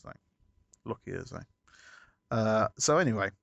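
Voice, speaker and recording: Lower-voiced bloke, chatty podcast co-host who rambles and self-corrects, dull lo-fi dry sound. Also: male voice, animated, unhurried, creaky, fairly bright tone, no echo. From United Kingdom. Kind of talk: casual podcast chat.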